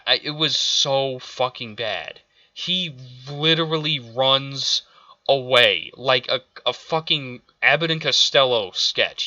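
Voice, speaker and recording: A man's voice: mid-range voice, sharp tone, dry recording, muffled recording. A man ranting through a show review, exasperated and profane, stumbling over restarts as he vents. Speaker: video reviewer.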